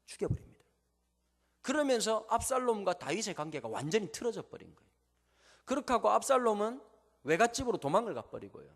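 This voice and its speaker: A man with a Gyeongsang Korean accent delivers a sermon, his voice a touch high and swinging widely in pitch. He tells stories and tosses rhetorical questions to the congregation. His words ring with the long reverb of a church hall. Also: sing-song. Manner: normally talks very fast, slowing down on purpose. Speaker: pastor. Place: church sanctuary before a congregation.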